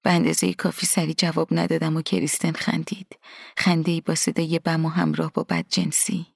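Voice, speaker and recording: A woman reading a first-person story aloud in a soft, hushed, partly whispered way, with a husky voice. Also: low voice, flat delivery, no room sound, clean studio sound. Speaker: audiobook narrator. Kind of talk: scripted first-person narration.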